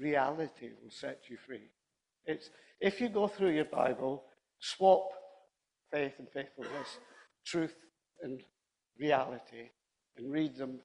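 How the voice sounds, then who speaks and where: A man's voice: medium pitch, creaky, a little mellow, low-quality recording. A man preaching a sermon in a conversational, anecdotal way, often repeating and rephrasing himself.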